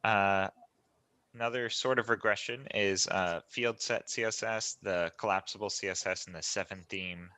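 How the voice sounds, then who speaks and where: A man's voice: on the low side, steady tone, moderate pace, sharp tone, dry recording. A man going through technical issues one by one on a video call meeting, in a methodical way. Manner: methodical, detailed, hesitant fillers. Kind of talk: online meeting chat.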